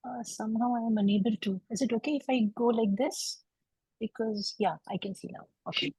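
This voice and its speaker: A woman explains medical genetics in a steady, methodical way, often pausing with an "uh." Her voice has a slightly husky, mellow tone. She comes through a computer mic on a video call, and the sound is dry and close with no room echo. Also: a little high. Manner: measured, explanatory, with frequent uh fillers. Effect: heard over a video call. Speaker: clinical geneticist presenting a webinar lecture. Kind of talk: medical lecture.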